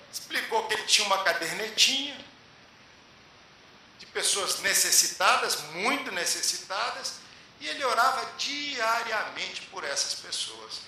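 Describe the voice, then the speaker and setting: A man tells a spiritual story in a lecture, with measured, emphatic pauses. His voice is high, very bright and lively in pitch. It rings in a very echoey hall over a faint hiss. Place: lecture hall at a public meeting.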